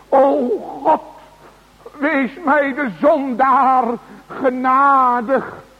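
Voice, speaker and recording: Slow, high-voiced preacher, husky. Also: male voice. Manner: slow, solemn preaching with emphatic cries. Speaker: pastor. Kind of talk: sermon. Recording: dull radio broadcast in a large hall.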